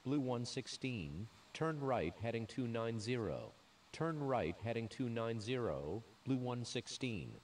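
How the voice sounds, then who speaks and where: A man's voice: medium pitch, big pitch swings, measured pace. A man reading clipped air traffic radio calls, heard as distant radio chatter bleeding through under other talk. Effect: distant radio chatter bleeding through under the main talk. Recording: distant radio audio picked up from far off.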